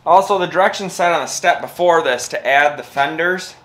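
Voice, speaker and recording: A man's voice: fairly high pitch, brisk. A man in his thirties casually explaining a trailer assembly step by step in his home garage workshop. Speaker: vlogger. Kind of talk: casual how-to narration. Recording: noisy garage recording.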